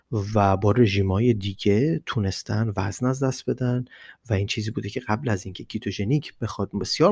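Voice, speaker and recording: Low-voiced Iranian man hosting a podcast. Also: a little mellow. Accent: Iranian Persian. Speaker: podcast host. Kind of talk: explanatory solo podcast talk.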